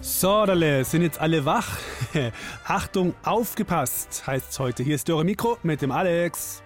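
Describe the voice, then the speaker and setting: A man's voice: fairly high pitch, lively intonation, a little slow, faint music behind. Chatty male children's radio host. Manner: chatty, talks directly to listeners. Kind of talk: casual friendly presenting for children.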